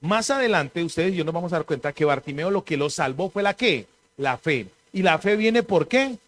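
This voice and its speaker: High-voiced preaching man, call-and-response. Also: animated, normal speed, a bit bright. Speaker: pastor. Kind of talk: sermon.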